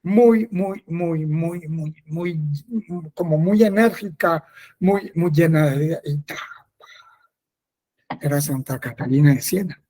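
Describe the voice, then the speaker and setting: A man's voice: fairly high pitch, takes it slowly, warm tone. A man, a friar, telling a personal testimony in a conversational catechesis, repeating phrases and often affirming himself.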